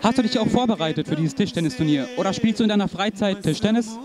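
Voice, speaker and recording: A man's voice: sits high, lively intonation, fast. A young man reporting from a sports event in a large indoor hall, interviewing boys in a formal, announcer-like manner. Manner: formal, announcer-like, with religious greetings. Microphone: handheld mic. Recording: crowd chatter in a big hall.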